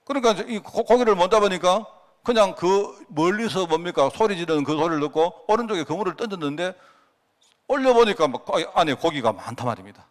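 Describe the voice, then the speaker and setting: A man's voice: sits high, lively intonation, brisk. A middle-aged man with a Gyeongsang Korean accent preaching a conversational prayer-meeting sermon, telling stories with frequent asides to the congregation. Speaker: pastor.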